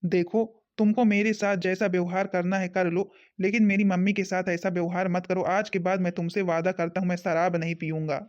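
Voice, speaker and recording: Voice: mid-range voice, level tone, a little fast, few pauses, darkish tone, lightly acted. A performer voicing a young husband in a cartoon, a drinker who turns remorseful, speaking earnestly. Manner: pleading, earnest. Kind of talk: Hindi cartoon voice acting. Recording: dull lo-fi sound.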